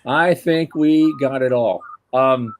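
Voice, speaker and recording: A man's voice: mid-range voice, takes it slowly, slight background noise. A man hosting a podcast, talking in a casual, chatty way with informal asides. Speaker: podcast host. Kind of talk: casual interview chat.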